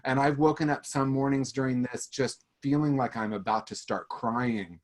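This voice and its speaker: Casting: man, mid-pitched, webinar panelist, earnest and reassuring. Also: steady tone, normal speed. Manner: earnest, gently encouraging.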